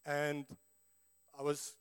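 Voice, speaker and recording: A male preacher with a high, smooth voice and a broad South African accent shaped by his native Afrikaans. He addresses his congregation informally, in an earnest and conversational sermon style. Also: completely flat delivery, drawn-out words.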